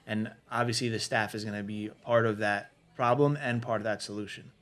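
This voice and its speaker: On a podcast panel, a man casually explains practical management advice point by point. His voice is fairly low and bright, fairly quick, with a fairly even intonation.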